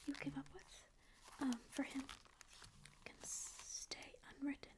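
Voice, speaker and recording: Slow and high-pitched with fairly even intonation, a young woman whispers in a small dim room, close to an off-frame studio mic. She's an ASMR roleplayer voicing a prickly sleep paralysis demon who pretends apathy but secretly cares, now flustered and tender. Her curt denials soften into reassurance as she keeps listening.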